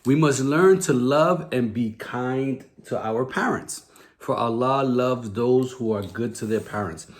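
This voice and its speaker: A man hosts a children's storytime, reading and chatting casually, explaining things simply and often checking in with "right?". His voice is medium in pitch and a little slow.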